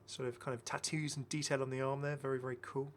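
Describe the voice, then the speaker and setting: The middle-aged gaming host chats excitedly through a casual game skin showcase, repeating phrases often. He talks fast in a mid-range voice that barely shifts in pitch.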